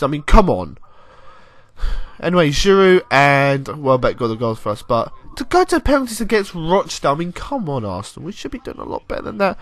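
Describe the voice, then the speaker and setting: Young guy commentating his football game, chatty and excitable, a touch high-pitched, dry sound. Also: no room sound. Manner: chatty, rambling, excitable bursts, mild swearing. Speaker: gaming YouTuber.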